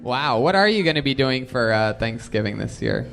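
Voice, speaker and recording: A male host of a live comedy show, introducing comics with quick, hyped banter. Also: medium pitch, animated, creaky, a bit bright, soft background music.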